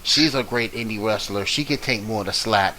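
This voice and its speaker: A man hosting a casual sports talk review, steady and listing names between ums. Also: on the low side, fairly quick, slight background noise, rough recording. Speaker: host.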